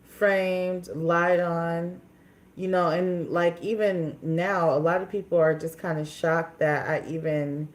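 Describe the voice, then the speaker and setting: A woman's voice: on the low side, steady tone, slow. A woman in her twenties from Minnesota, chatting casually on a livestream in a candid, rambling way with many fillers and restarts. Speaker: livestream host.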